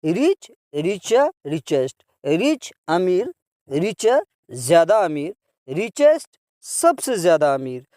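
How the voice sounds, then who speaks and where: A male English teacher working through a grammar lesson for children, drawing words out at an unhurried pace. His voice swings widely up and down as he repeats each word form one by one. The sound is close and dry, with no room around it. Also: high-pitched, sing-song, dark tone, dry recording. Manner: explains and translates for children.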